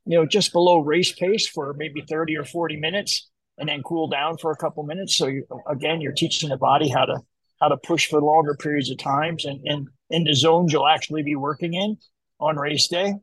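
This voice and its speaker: A man's voice: on the high side, fairly even intonation, fairly quick, a bit bright, husky, no room sound, rough recording. An older man, a running coach, talking casually in an interview, rambling and repeating the starts of his phrases.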